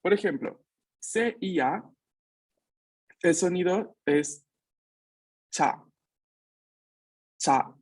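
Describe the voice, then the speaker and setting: A man's voice: sits high, animated, takes it slowly, long pauses, a little mellow, husky. A man teaching an online language class over a video call at home, patient and checking in often with his students. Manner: drills students with repeat-after-me. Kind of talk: online Italian lesson for Spanish speakers.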